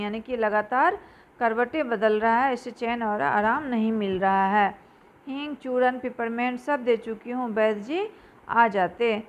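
A young woman teacher reading a play aloud and explaining the meanings of hard words to children. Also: fairly high pitch. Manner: reads dialogue aloud then explains word meanings to children. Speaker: Hindi teacher.

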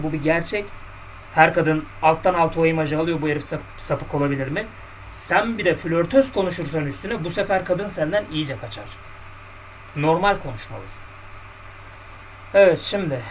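A man's voice: sits high, distant mic, slight background noise, low-quality recording. A man coaching on dating in a casual podcast monologue, blunt and colloquial, lecturing his listeners directly.

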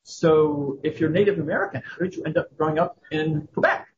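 A man's voice: on the high side, brisk, muffled recording. A man interviewing a café worker for a podcast, asking curious follow-up questions and explaining context.

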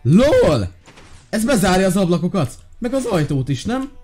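A man hosting a gaming video, giving casual, excitable and curious let's-play commentary with many fillers. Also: sits high, soft background music.

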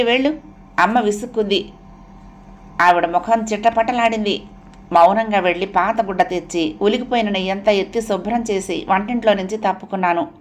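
A woman narrating an audio novel, keeping a steady storytelling read and lifting her voice for quoted dialogue. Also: medium pitch.

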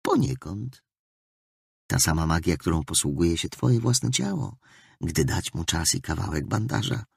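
A gentle young healer woman, played by a male audiobook narrator, speaks softly and quietly. The husky, low voice stays hushed and soothing. The recording is close and dry. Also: expressive, a little slow, no room sound, heavily acted. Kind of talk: audiobook character voice.

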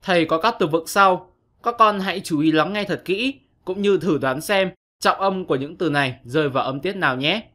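A man's voice: high-pitched, normal speed, pushed and bright. A man teaching an English lesson to young pupils, explaining patiently step by step in a scripted online-lesson narration.

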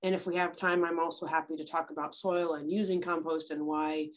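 Brief: woman extension educator on a video call, low-ish voice, chatty and friendly. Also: little pitch movement, brisk. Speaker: extension educator giving a compost talk. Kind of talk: informal webinar presentation.

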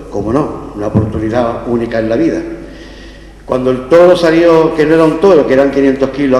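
A man's voice: mid-range voice, a little mellow, slight background noise. An older man with an Andalusian Spanish accent giving a festival address with comic anecdotes at a podium microphone. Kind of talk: public speech with comic anecdotes. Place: indoor hall at a lectern. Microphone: gooseneck podium microphones. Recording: echoey hall with long reverb.

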